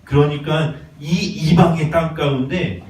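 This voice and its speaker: A male pastor preaches with fervor, his high voice leaping up into shouts and dropping to hushed appeals. He is picked up from a distance in a reverberant church, with faint noise underneath. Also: steady tone, unhurried. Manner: impassioned, swings from shouting to hushed pleading. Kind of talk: sermon. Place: church sanctuary. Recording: echoey church from far off.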